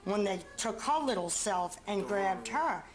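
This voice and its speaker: A woman's voice: medium pitch, animated, measured pace. A middle-aged woman, the mother of a beaten man, being interviewed and talking indignantly, repeating herself as she describes photos. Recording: roomy with crowd noise.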